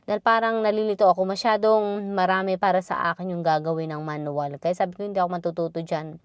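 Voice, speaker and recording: A woman's voice: lowish voice, fairly even intonation, quick pace, clear, resonant tone, no room sound. A woman from the Philippines telling a personal story on her vlog in a candid, chatty way. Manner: chatty and candid, recounting with frequent quoted dialogue. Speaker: vlogger.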